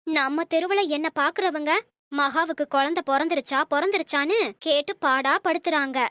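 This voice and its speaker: A woman's voice: sits high, moderate pace, bright, forceful tone, dry recording. A woman voicing a worried, stern middle-aged mother in a cartoon, lecturing and scolding.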